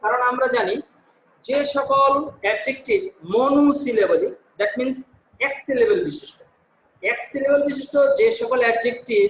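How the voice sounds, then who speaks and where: A man's voice: very high-pitched, reverberant, poor audio. A male teacher from Bangladesh giving an online class, explaining step by step, answering his own questions and correcting himself with "sorry". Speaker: English teacher.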